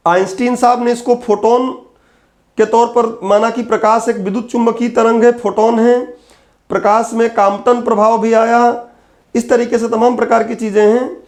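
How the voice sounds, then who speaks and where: A man's voice: very high voice, darkish tone. A man teaching an exam-prep physics lecture, patiently repeating key terms and answering his own questions.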